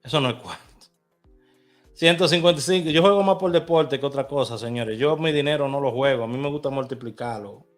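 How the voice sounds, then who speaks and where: A man's voice: medium pitch, fairly quick, soft background music. A man in a casual vlog, chatting to viewers as he walks through placing lottery bets on his phone, from inside a car. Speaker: vlogger. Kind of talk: casual screen walkthrough.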